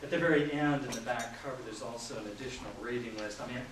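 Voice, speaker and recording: A man's voice: medium pitch, quick pace. A man in his sixties giving an informal public lecture as a professor, chatty and self-deprecating with lots of fillers. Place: large lecture room with an audience. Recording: echoey hall, mic at a distance, audience noise.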